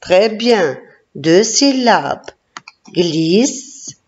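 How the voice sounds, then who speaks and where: Slow, encouraging woman teacher. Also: mid-range voice, sing-song, darkish tone, slight background noise. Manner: slow, encouraging, sounding out syllables. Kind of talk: classroom phonics lesson. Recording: dull lo-fi recording.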